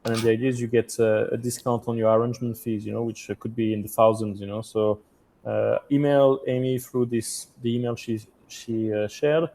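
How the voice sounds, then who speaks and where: A man with a French accent hosts a webinar over a video call from a hotel room. His voice is dark and gravelly, and he speaks haltingly, restarting his phrases and filling gaps with "uh.". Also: mid-range voice, little pitch movement, a little hiss or hum. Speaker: host of an investor community webinar. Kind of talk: hosting a webinar Q&A.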